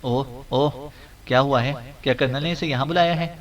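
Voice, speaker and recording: A man's voice: mid-range voice, a bit bright, close to an everyday voice. A man voicing a loyal male agent who speaks in a respectful, surprised way, recorded on a distant mic.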